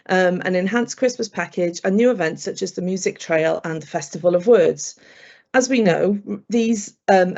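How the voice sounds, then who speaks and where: A woman, a councillor reading a prepared report in a council meeting in a steady, formal way. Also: fairly low pitch, creaky. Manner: steady, formal delivery with small slips. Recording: slightly dull meeting audio.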